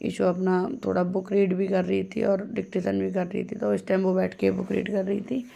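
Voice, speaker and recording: A woman's voice: medium pitch, monotone, moderate pace, creaky, mellow, lo-fi sound. A young adult woman chatting casually as she tells the story of her day in a home vlog. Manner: chatty, storytelling, laughs often. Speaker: vlogger.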